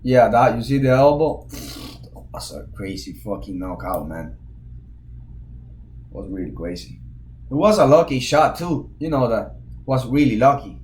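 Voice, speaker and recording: Excitable man chatting on stream. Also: medium pitch, a little slow, long pauses. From Cuba. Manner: excitable, slangy, calls viewers bro. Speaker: live streamer. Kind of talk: casual live-stream chat.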